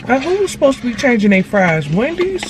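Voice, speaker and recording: A woman's voice: on the high side, big pitch swings, a little fast, background noise. A woman in casual, blunt chat while eating, talking between bites with savoring hums. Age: adult. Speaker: host, mother in a mother-daughter mukbang.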